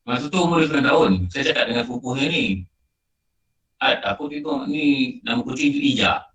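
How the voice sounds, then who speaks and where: A fairly quick, medium-pitched voice with a fairly bright tone belongs to a middle-aged man with a Malaysian Malay accent. He is a religious teacher giving an informal lecture, telling stories in a conversational style with many repetitions. The recording sounds roomy, with the mic placed far from him.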